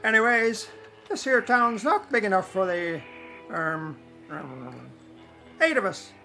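A woman's voice: medium pitch, lively intonation, slow pace, bright, forceful tone, soft background music, heavily acted, low-quality recording. A woman playing a cantankerous, lecherous old male prospector with folksy Western talk in a comic audio drama. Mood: folksy, rambling.

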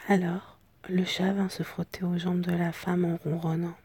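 A woman with a hoarse, cracking voice telling bedtime stories in a soft, unhurried ASMR whisper. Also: on the low side, flat delivery, dry recording. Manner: soft, unhurried, gentle pauses. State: voice broken. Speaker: storyteller.

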